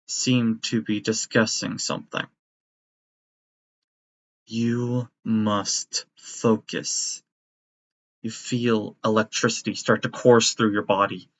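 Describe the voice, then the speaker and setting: A man acting as game master, narrating a tabletop game in a steady, descriptive way. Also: lowish voice, creaky. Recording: dry, slightly muffled audio.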